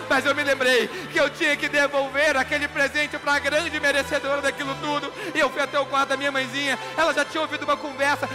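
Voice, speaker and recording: Guy, 30s, dramatic motivational storytelling, really high voice, music playing behind. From Brazil. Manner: animated, acts out dialogue. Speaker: motivational speaker. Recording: background music.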